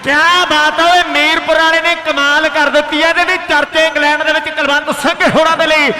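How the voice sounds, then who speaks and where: A man's voice: very high voice, level tone, brisk. A man with a Punjabi accent giving hearty, exclamatory live kabaddi commentary, repeating phrases and addressing listeners as friends. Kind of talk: live sports commentary with rhymed verse and thanks to sponsors. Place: outdoor village kabaddi tournament ground.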